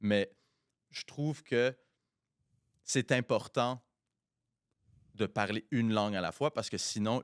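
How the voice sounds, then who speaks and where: Low-voiced bilingual man, emphatic. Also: clean tone, dry recording, clean studio sound. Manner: switches between French and English mid-sentence; opinionated and emphatic. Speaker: podcast co-host. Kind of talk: casual bilingual chat.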